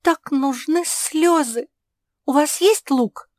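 Josie, a woman voicing a high anxious pug. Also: slow, darkish tone, no echo, clean studio sound. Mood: anxious pleading. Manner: high, urgent and pleading. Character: anxious little female pug, eager and pleading.

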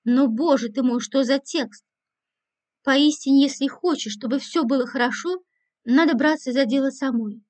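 Woman audiobook narrator; first-person, ironic, high-pitched. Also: moderate pace, darkish tone. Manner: dry and ironic.

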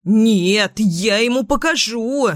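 A hot-tempered little sparrow , put on by a woman reading a fairy tale, rants about being cheated. He shouts his grievances in slow, heated phrases. The sound is dry and close. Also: mid-range voice, dry recording, natural voice. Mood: furious. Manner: angry shouting, indignant complaining.

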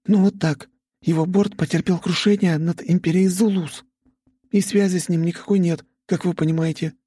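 A male narrator voicing a brisk young noblewoman in an audiobook, lifting his voice into a high register. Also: fairly even intonation, dark tone, breathy edge, dry recording. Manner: high falsetto-like young woman's voice.

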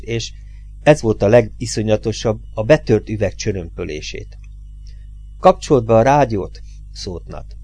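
A man's voice: on the low side, warm tone. A man reading a suspenseful story aloud as an audiobook, with tense, dramatic emphasis. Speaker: audiobook reader.

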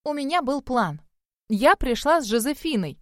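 A woman voices a flustered young heroine, pitched a little high and quick to snap back. She sounds defensive and exasperated, with a dry, close sound. This is a storybook character brought to life with a sharp tongue. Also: sing-song, dry recording. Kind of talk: audiobook character voice.

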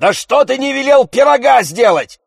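A man voicing a coarse, blustering middle-aged freeloader who shouts his demands, recorded dry in an audiobook. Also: mid-range voice, big pitch swings, takes it slowly, no room sound, pitched above the performer's own voice, full character voice. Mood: bellowing.

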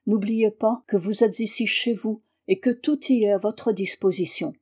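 Brief: soft paternal old man from a read-aloud novel, a woman narrator doing him, mellow tone. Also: medium pitch, fairly even intonation, moderate pace, slightly rough, lightly acted. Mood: gentle. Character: kindly older male father, gentle.

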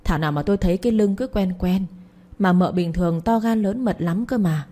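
Woman doing a deadpan young husband, teasing and bossy, mellow tone. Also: mid-range voice, a little fast, lightly acted.

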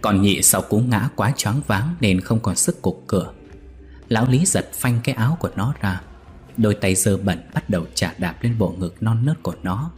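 A man narrating a scripted ghost story in a measured, steady way. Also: on the low side, faint music behind.

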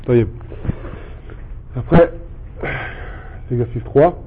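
A man teaching a language lesson, explaining patiently step by step and repeating words slowly for his student. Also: medium pitch. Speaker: Arabic teacher. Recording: tinny phone-like sound with faint noise.

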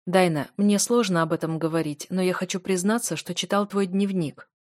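A woman's voice: on the low side, steady tone, moderate pace, dry recording, clean studio sound, close to an everyday voice. A woman reading an audiobook and voicing a husband confessing in an earnest, serious way. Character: grown man, husband, guilty and earnest.

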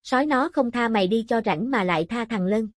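A woman's voice: fairly high pitch, fairly quick, no room sound, clean studio sound, natural voice. A woman reading the part of a frantic village mother in a storybook, with a wailing, scolding delivery. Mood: distraught. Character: frantic village mother, fearful then grateful.

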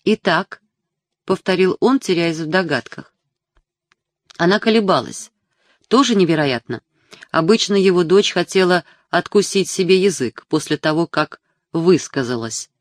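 An audiobook narrator reading literary prose in a measured, even storytelling manner. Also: mid-range voice, no room sound, clean studio sound.

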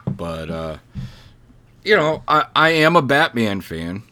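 Bright-voiced male podcast host. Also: mid-range voice, sing-song, takes it slowly. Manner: bright, jokey, theatrical intros. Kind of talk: casual podcast chat.

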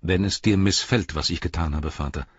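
A man's voice: sits low, fairly quick, slightly rough, no room sound, highs cut off. Man voicing a dutiful young captain. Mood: earnest. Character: dutiful young male captain, calm and restrained. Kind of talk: audiobook character reading.

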